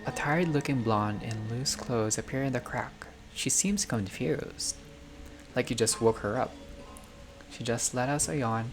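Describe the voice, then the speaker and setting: A gaming content creator with a mid-pitched voice reads visual novel narration aloud while music plays clearly behind him. He's expressive, shifting between storytelling and casual, chatty reactions throughout the playthrough.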